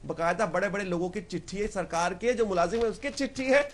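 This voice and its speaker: A man rebuts his opponent on a televised debate panel, listing figures and throwing out pointed rhetorical questions. His voice sits fairly high for a man and stays firm and insistent throughout. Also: quick pace. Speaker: party spokesperson.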